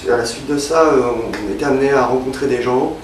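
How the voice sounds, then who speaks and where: Interviewed casually, a young man from Évreux in Normandy, France, who works as a freelance illustrator, speaks quickly in a steady, mid-range voice. He hesitates often, using fillers and restarts. The distant mic gives a roomy sound with faint ambience and slight hiss or hum.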